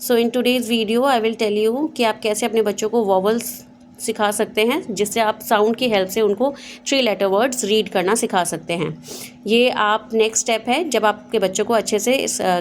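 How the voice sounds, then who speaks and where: A woman with an Indian accent who teaches vowel sounds to parents, spelling words out slowly, sound by sound. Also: mid-range voice, a little hiss or hum. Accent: Indian English. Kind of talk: phonics lesson for parents.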